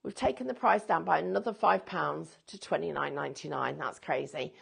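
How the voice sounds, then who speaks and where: Chatty woman with gravelly voice. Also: deep voice, fairly quick. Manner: chatty, jokey, enthusiastic sales patter. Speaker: shopping channel presenter. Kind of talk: live shopping-show chat.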